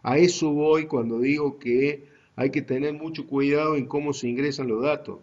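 Docente argentino dando clase virtual, tono pausado y didáctico, voz algo alta, sonido opaco. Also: male voice, a little high, fairly even intonation, a little mellow, highs cut off. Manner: slow, deliberate explaining to students. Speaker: university GIS teacher. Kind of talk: online class lecture.

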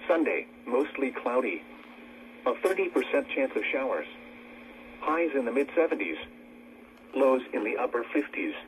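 An automated weather radio voice of a man reads scripted forecasts. The delivery is synthetic and measured, at a medium pitch. It comes out of a radio speaker in a room, with faint noise behind it. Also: rough recording. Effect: radio broadcast. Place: small cluttered room, played from a portable weather radio.

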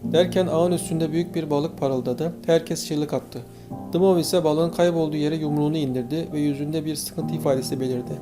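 A man narrating an audiobook in a steady storytelling manner. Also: fairly high pitch, a little fast. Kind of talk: scripted narration. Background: faint guitar music.

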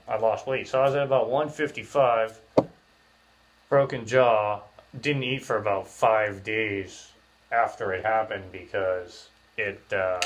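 Low-voiced man talking with jaw wired shut. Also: slight background noise. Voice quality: clenched-teeth speech, jaw wired shut. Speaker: podcast host. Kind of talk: casual podcast chat. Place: small bare room, indoors.

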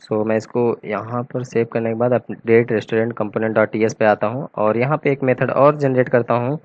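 A man of middle pitch walks through a coding tutorial at his desk microphone. He thinks aloud as he types and clicks, loose and conversational, and drops English terms into his speech. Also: fairly even intonation, measured pace, lo-fi sound. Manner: casual, thinks aloud while typing, mixes English terms into Hindi. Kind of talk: screen-recorded coding tutorial.

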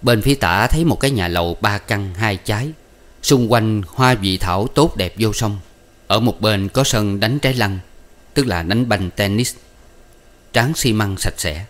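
Male narrator, somewhat low voice, measured audiobook reading with footnotes.

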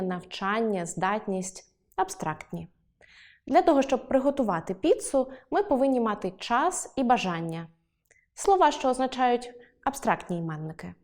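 Woman, online teacher, higher-pitched, clear and lively, studio-recorded lesson. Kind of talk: online lesson, scripted explanation. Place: film studio.

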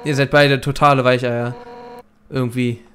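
A man's voice: medium pitch, little pitch movement, moderate pace, slight background noise, natural voice. A man reading a brash fish warrior captain. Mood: reflective. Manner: boisterous, loud bursts, chuckling. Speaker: Let's Play gamer reading dialogue. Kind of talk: reading game dialogue aloud.

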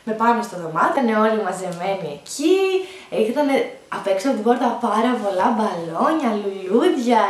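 A young woman vlogger telling the story of her childbirth, animated and laughing often as she talks. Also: a little high. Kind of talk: storytime vlog, recounting childbirth. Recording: echoey room, voice from a distance.

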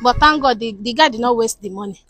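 A woman's voice: on the high side, fast talker, a bit bright, no echo, rough recording. A woman acting a friend who pleads with a mother to forgive and then soothes the crying daughter. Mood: soothing. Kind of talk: skit drama acting.

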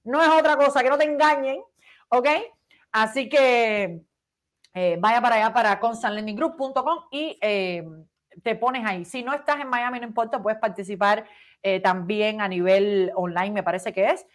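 A Cuban woman co-hosting a morning talk show, telling stories in a lively, animated way and acting out quoted lines. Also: fairly high pitch, moderate pace. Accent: Cuban Spanish. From Cuba. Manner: animated, acts out quotes in English. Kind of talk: casual chat, storytelling.

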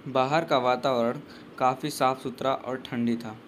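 A man's voice: mid-range voice, steady tone, measured pace, background noise. Casual Hindi-speaking male travel narrator. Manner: casual, loosely worded, with restarts. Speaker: travel vlogger.

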